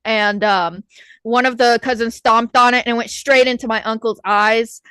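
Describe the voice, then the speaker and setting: A woman's voice: a little high, steady tone, moderate pace, sharp tone, smooth, dry recording. A woman telling anecdotes casually as a contestant on a livestream. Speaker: contestant on a live stream show. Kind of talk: casual storytelling.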